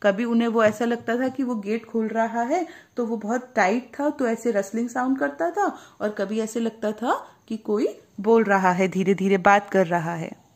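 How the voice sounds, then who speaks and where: A woman's voice: on the high side, normal speed, few pauses. A woman teacher reads an English story and explains it in Hindi, going over words patiently and calling her listeners child.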